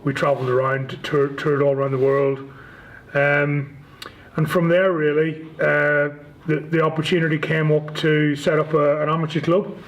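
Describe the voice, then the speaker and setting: Speaking as an interview guest, this Northern Irish man in his forties, chief executive of a rugby league club, gives casual answers in a hesitant, stop-start way. His fairly high voice shows little pitch movement at a normal speed. The recording sounds muffled.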